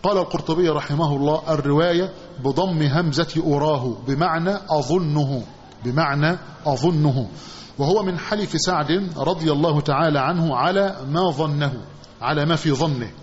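A man with an Egyptian accent teaching a hadith commentary lesson, often quizzing his listeners with a drawn-out "what?" and repeating the answer. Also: fairly high pitch. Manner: asks the class questions, repeating phrases with a drawn-out "what?". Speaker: religious teacher. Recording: dull lo-fi recording with faint hiss.

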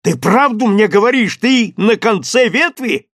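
A man voicing an excitable, obsessed gentleman who shouts urgent orders up a tree. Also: high voice, a little slow, dry recording, studio quality, voice pushed up, full character voice. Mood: feverish. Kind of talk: audiobook character voice.

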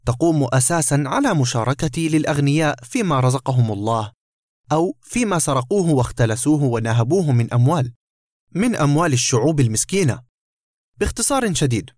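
A man's voice: fairly high pitch, no room sound, clean studio sound. A man voicing a sneering, menacing burglar. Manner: mocking, threatening. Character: sarcastic menacing male burglar, boastful.

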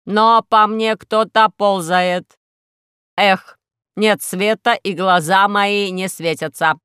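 A woman voicing a gentle robot wardrobe that talks in a slow, plaintive, ponderous way. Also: mid-range voice, steady tone, clear, resonant tone, no room sound, studio quality.

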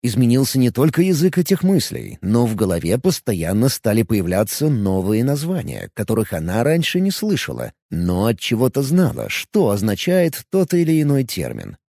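Expressive male audiobook narrator. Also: mid-range voice, normal speed, hardly any pauses, dry recording, clean studio sound. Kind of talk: scripted fantasy narration.

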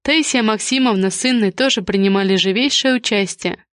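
A woman narrating an audiobook in a steady, even storytelling manner. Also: medium pitch, brisk, dry recording, clean studio sound. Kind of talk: scripted narration.

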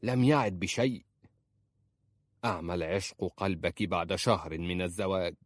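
A sharp-tongued, worried uncle scolds in a deep, dry voice, as a male narrator voices him. The storybook reading is close to the mic. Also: normal speed, no echo. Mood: scolding. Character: stern worried older uncle, protective.

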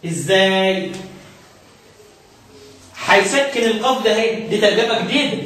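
A man with an Egyptian Arabic accent teaching Quran recitation in a classroom lesson, quizzing his students and chanting lines of verse slowly. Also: high-pitched, animated, fairly bright tone. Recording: very echoey room, far from the mic.

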